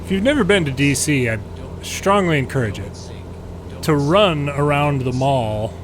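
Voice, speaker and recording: This gaming video host, an American pilot who used to work as an air traffic controller, speaks in a fairly high, unhurried voice. His commentary on the game is casual and sardonic, punctuated by exasperated remarks. Steady hum and noise sit in the background.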